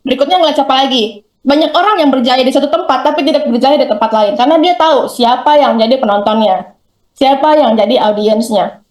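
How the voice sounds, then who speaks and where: Chatty high-voiced woman teacher. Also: darkish tone, echoey room. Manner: chatty, acts out quick examples in voices. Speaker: workshop speaker. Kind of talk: classroom talk on content creation. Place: school hall.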